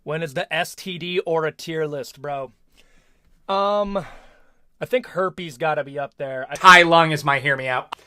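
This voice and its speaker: A man's voice: on the high side, unhurried, sharp tone, smooth. A man in his twenties, a YouTuber, chatting casually with crude, rambling jokes. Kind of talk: casual joking vlog chat.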